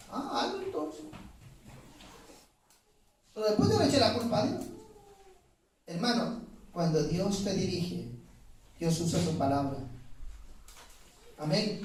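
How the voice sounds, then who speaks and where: A man's voice: sits high, a little hiss or hum. A male pastor preaching a sermon, emphatic, asking the congregation questions. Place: church. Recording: echoey church hall from far off.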